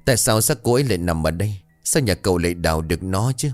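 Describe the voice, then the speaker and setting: A man's voice: deep voice, expressive, quick pace, no room sound, faint music behind. A man voicing a stern young man pressing someone with questions in a spoken ghost story.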